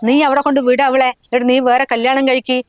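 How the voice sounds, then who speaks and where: A woman's voice: high voice, little pitch movement, fast talker, smooth, dry recording, close to an everyday voice. A middle-aged woman playing a nagging mother-in-law who scolds harshly in a family short film. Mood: scolding.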